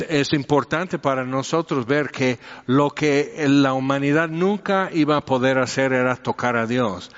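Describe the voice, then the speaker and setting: A man giving a conversational sermon. He explains with everyday examples and fills his pauses with "este". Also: mid-range voice. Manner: explanatory, uses homely examples and many fillers. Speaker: preacher. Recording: dull echoey hall recording.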